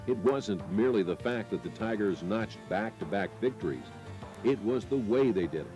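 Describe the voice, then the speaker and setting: Male American narrator, lowish pitch, scripted dramatic sports recap with music underneath. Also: animated, normal speed.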